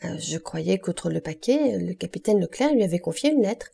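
A woman's voice: lowish voice, animated, moderate pace, gravelly, dark tone, husky, heavily acted. Woman voicing a sly, envious officer. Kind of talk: audiobook reading.

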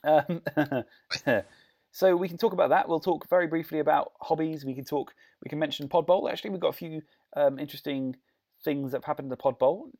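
A man's voice: a little high, fairly quick, darkish tone. A man with a Bristol-tinged English accent, hosting a podcast in a casual, jokey, rambling way. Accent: English, Bristol-influenced. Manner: jokey, digressive. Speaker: podcast host. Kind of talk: casual chat.

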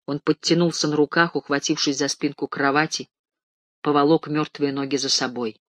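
A man reads a story aloud in a measured, steady way. His voice sits fairly high, and the recording is dry and close. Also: no echo. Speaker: narrator. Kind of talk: audiobook reading.

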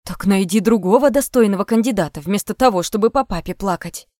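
A woman reader voicing a brisk middle-aged businesswoman mother who scolds and brushes off her daughter. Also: medium pitch, darkish tone, no echo, clean studio sound, close to an everyday voice. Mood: dismissive.

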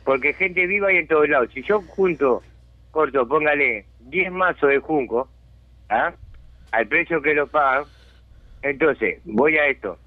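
This is a fairly high-pitched male voice at a measured pace, heard over a tinny, dry phone line with no room sound. The Uruguayan Spanish speaker, a settlement resident and community spokesman with a chronic lung disease, gives a radio phone interview. He is insistent and indignant and frequently checks that the listener follows him.

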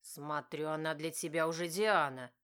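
A harsh, domineering young husband who growls and barks his words, as a woman reading the audiobook puts him on. The voice sits low and rough, snapping out short, bitter lines. It is a storybook reading, not a studio drama. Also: steady tone, brisk, fairly bright tone. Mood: angry.

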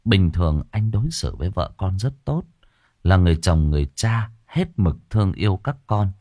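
Male storyteller, low voice, lively swooping delivery, dry close recording. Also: normal speed, dry recording. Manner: dramatic, expressive. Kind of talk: ghost story narration.

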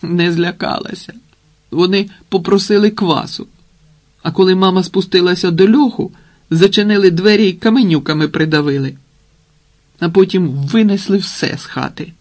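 A man's voice: high-pitched, normal speed, darkish tone, pitched above the performer's own voice, natural voice. A man voicing a frightened, tearful peasant boy in a storybook reading. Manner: sobbing, plaintive.

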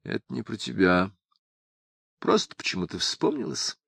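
A man's voice: lowish voice, big pitch swings, normal speed, vocal fry, a bit bright, breathy edge, no room sound, clean studio sound, full character voice. A man reading an audiobook and voicing a languid young woman in a drawling, lazy, teasing manner. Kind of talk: audiobook character voice.

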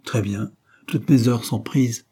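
A weary, patient father with a dry, gentle wit, read by a man. The voice is dark and a little husky, lifted slightly above the reader's own, calm and measured in a storybook. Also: mid-range voice. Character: tired, patient middle-aged tutor and father, dry humor.

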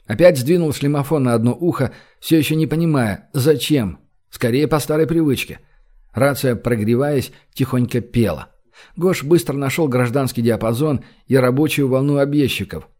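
A man narrating an audiobook in a steady, scripted reading. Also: mid-range voice. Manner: urgent, shouted dialogue in tense scenes.

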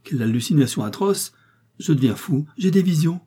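A man doing an excitable portly pharmacist. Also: a little high, a little fast, slightly rough, pitched above the performer's own voice. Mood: stunned. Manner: effusive, exclamatory. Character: excitable portly middle-aged male pharmacist.

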